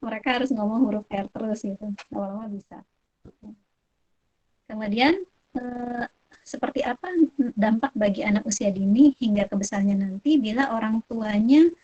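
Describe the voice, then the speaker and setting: A woman from Indonesia answering parents' questions in a webinar, relaxed and chatty, with many fillers and soft laughs. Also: medium pitch. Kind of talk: live webinar Q&A on child development. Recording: dull lo-fi online call audio.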